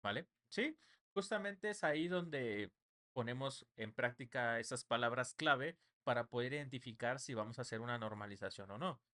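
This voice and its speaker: A young man teaches a live online class, checking in with his listeners through short tag questions as he explains. His voice sits at a medium pitch and his delivery stays conversational. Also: expressive, normal speed, bright, forceful tone. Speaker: online workshop instructor. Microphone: computer mic on a live stream.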